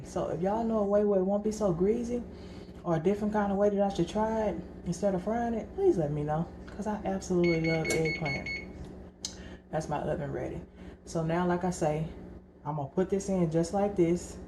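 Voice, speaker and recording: A woman's voice: fairly low pitch, dark tone. A woman vlogger cooking at home, talking casually and rambling, calling her viewers y'all. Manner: chatty and rambling, keeps addressing viewers as y'all. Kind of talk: casual cooking vlog chat. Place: home kitchen. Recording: echoey room with background noise.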